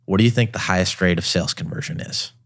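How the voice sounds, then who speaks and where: Male podcast host, very deep voice, rapid delivery, dry close mic. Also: fairly bright tone, no echo. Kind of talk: interview chat.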